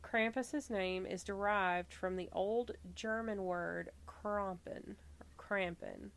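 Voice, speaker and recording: Speaking slowly with a creaky, medium-pitched voice, a Southern US woman hosts a podcast, working through her research notes. She drifts into easygoing, conversational tangents, tripping over words now and then and chuckling at her own slips.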